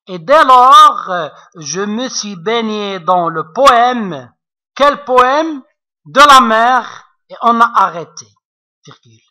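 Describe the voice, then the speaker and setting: This French literature teacher, a man and native Arabic speaker with an Arabic accent, gives a classroom explanation of French poetry to his students. His high voice sounds pushed and bright, and he is patient and repetitive, often checking in with asides.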